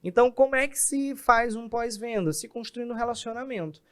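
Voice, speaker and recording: Animated man explaining. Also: very high voice, a little fast, clean tone. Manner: animated, acts out examples in quoted voices. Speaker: communication specialist guest. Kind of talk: podcast interview, explaining.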